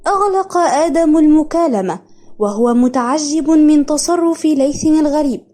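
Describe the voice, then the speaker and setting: Young woman narrating a story, formal, high mellow voice. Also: normal speed. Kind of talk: reading a novel summary.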